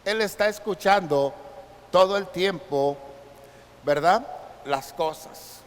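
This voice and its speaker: A man's voice: high voice, slow. A man preaching a sermon as pastor, asking the congregation rhetorical questions and acting out the voices of frightened people. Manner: acts out frightened crowd voices. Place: church sanctuary. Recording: long reverb in a large church hall with faint hiss.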